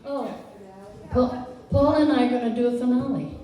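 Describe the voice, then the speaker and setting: A woman's voice: on the high side, fairly even intonation, heavy background noise. A woman in her eighties from the American South, chatting on stage at a party in a folksy, joking way. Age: 80s. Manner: folksy, joking, slow-spoken. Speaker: birthday honoree and performer. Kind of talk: casual chat on stage. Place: event venue hall. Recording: echoey hall from far off, music.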